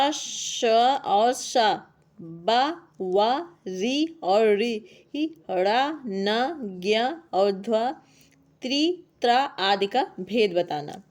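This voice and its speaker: A young woman teaching a class on language teaching, reading out lists of points in a steady classroom manner. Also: fairly high pitch. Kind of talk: exam-prep lecture reading out points.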